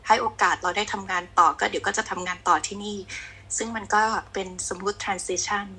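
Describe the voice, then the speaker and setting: A woman's voice: medium pitch, steady tone, normal speed, pushed and bright, slight background noise, rough recording. A woman doctor from Thailand speaking on an online panel, thoughtful with some hesitation.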